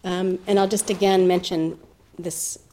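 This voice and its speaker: Soft-spoken woman teaching meditation. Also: fairly low pitch, flat delivery, measured pace. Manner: soft-spoken, thoughtful, with gentle laughs. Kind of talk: reflective dharma talk.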